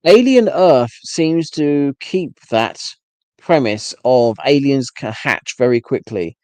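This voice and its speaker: A man's voice: mid-range voice, expressive, slow, dark tone, no echo. A man hosting a casual solo rant, rambling with frequent restarts and exasperated asides. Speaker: solo livestream host.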